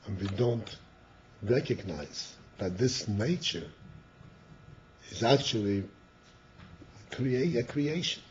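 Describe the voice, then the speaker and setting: An older man, a rabbi, teaching a Chassidus class, who often repeats words and clears his throat. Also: lowish voice, animated, slow, pauses often, slight background noise. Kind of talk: slow, halting Torah class. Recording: dull lo-fi class recording.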